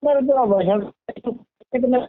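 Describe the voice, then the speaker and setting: A man with a fairly high voice talks over a tinny phone line that keeps cutting out. His voice drops in and out on a bad connection. He asks short, blunt questions in a casual way. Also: slow pace. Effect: phone line with a breaking, cutting-out connection. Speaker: prospect on a phone call.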